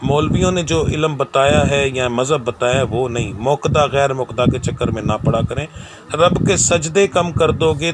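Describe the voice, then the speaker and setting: A man hosting a spiritual advice channel, giving earnest, preachy religious guidance to viewers and often pausing to check in with "okay". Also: medium pitch. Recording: clear background noise.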